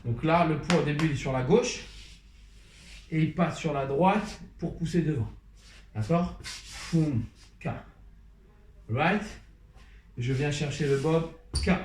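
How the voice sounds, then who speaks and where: Man, dance teacher, scatting beats, slightly high voice, faint background noise. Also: recorded from a distance. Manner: counts beats and scats rhythm sounds while demonstrating moves. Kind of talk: hip-hop dance class instruction. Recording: echoey room, voice off-mic.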